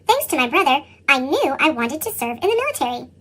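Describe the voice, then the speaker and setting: A woman reads a children's picture book from a script, voicing an earnest young boy with a squeaky, sped-up chipmunk effect. The read-aloud is animated, earnest and chirpy, at a quick pace.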